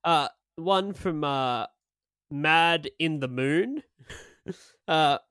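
A man's voice: fairly high pitch, drawn-out words, fairly bright tone, smooth, no room sound, studio quality. A man co-hosting a podcast, chatting casually, swearing and laughing as he reads out comments. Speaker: podcast co-host. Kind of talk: casual banter.

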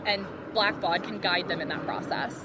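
A woman's voice: on the low side, normal speed, background noise. A woman with an American accent talking casually as a podcast guest. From United States. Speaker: podcast guest, charity technology professional. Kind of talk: casual interview chat.

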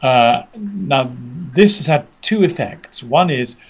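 A man with an English accent giving conversational news commentary over an internet call, measured and articulate, often repeating words as he searches for the next. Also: medium pitch, expressive. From Britain. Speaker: commentator, co-presenter. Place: indoors under a roof, remote audio call.

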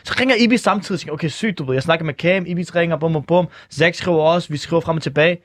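A man co-hosting a casual talk show, telling his side of the story with excited slangy banter. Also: a little high, dry recording. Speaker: podcast co-host. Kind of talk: casual chat.

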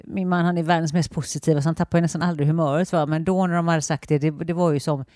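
Chatty low-voiced Swedish woman. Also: fairly even intonation, mellow, dry recording, clean studio sound. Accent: Gothenburg Swedish. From Sweden. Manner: chatty storyteller, laughs often, swears casually. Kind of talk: casual chat.

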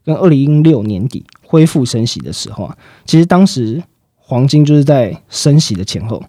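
A man explaining market outlooks in a fast, explanatory way, with frequent fillers and sentence-final particles. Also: medium pitch, animated, dark tone, dry recording, studio quality. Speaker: market analyst guest. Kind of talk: financial commentary chat.

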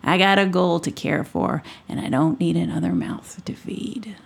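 A woman voicing a grouchy, hungry old fisherman who gruffly shoos a dog away. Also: fairly low pitch, expressive, moderate pace, exaggerated voice. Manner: gruff and dismissive.

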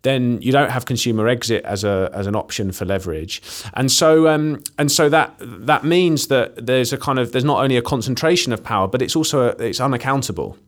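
Male podcast guest, mid-pitched voice, hesitant, talking it through. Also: a little fast, hardly any pauses. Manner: hesitant, many fillers and restarts, trails off softer. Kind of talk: conversational explanation.

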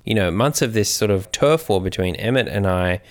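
A man with a lowish voice co-hosts a comedy podcast, playfully adding to an improvised story. He goes along with every turn of the bit with easy comic timing. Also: expressive, moderate pace. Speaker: podcast co-host.

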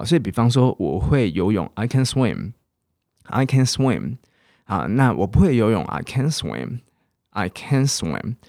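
A man with a Taiwanese Mandarin accent, hosting a casual podcast English lesson and coaxing listeners to repeat example words slowly. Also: fairly low pitch, vocal fry, darkish tone, no room sound, studio quality. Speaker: English teacher and podcast host.

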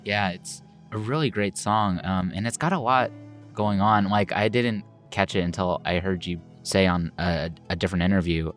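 Deep easygoing interviewer guy, laughs at himself, faint music under. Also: normal speed. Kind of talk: casual interview chat.

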